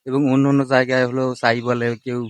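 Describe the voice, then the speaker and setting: A man's voice: medium pitch, little pitch movement, fast, clear, resonant tone, dry recording. A man with a Rangpur Bengali accent, chatting to viewers in a repetitive, casual way while out in a rice paddy. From Rangpur, Bangladesh. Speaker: vlogger. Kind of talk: casual outdoor video blog.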